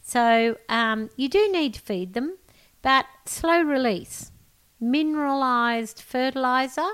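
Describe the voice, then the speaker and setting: A woman's voice: sits high, slow pace, fairly bright tone, smooth. A middle-aged woman, chatting casually as a gardening expert in a blunt, jokey, colloquial way. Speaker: gardening expert answering listener questions. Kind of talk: casual chat.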